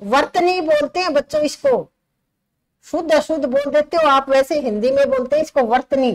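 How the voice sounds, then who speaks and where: A woman teaching a grammar lesson for exam prep, with a slight tinge, explaining slowly and repeating key words for her students. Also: sits high, low-quality recording.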